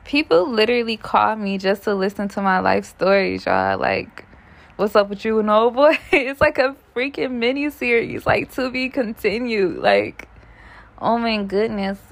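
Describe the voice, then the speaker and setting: Woman vlogger, casual rambling chat, slow delivery with a gravelly edge. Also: fairly high pitch, very animated. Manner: rambling, musing aloud, self-correcting.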